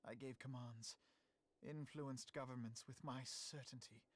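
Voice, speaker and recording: A man with a mid-range voice, a little slow and fairly even in intonation, does lightly acted, dramatic fantasy game voice work. He plays a teenage male elf noble who was once proud, speaking in formal, archaic diction filled with bitter remorse and self-reproach.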